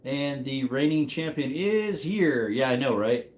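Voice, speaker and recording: A man's voice: mid-range voice, expressive, a little slow, darkish tone, roomy sound. Mid-thirties man hosting trivia stream. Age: 30s. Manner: rambling, reacts to chat as he goes. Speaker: livestream host running trivia. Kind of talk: casual livestream chat.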